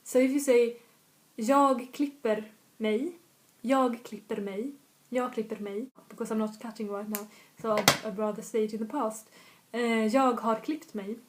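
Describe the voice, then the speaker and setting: There's slight background noise as a woman gives a casual video language lesson, repeating example phrases. Her voice is on the high side, a little slow and fairly even in intonation, with a slightly northern Swedish accent from north of Stockholm.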